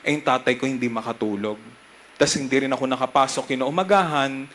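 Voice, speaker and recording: A young man with a Filipino accent, a priest giving a lively homily and leading the congregation in call-and-response. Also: medium pitch, fairly quick, slight background noise. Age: young adult.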